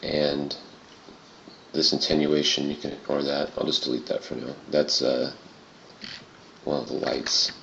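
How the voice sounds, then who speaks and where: Very deep, gravelly man in casual tutorial. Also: little pitch movement, measured pace, sharp tone. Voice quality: gravelly, throaty. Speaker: tutorial presenter. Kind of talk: casual software tutorial narration. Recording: muffled, roomy home recording with clear noise.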